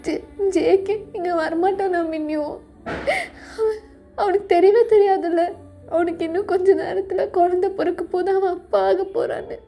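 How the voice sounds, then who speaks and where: A woman voicing a heartbroken young pregnant woman left by her lover, crying and halting in a fan audio drama, with soft music behind. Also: sits high, level tone. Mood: tearful. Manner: tearful, halting.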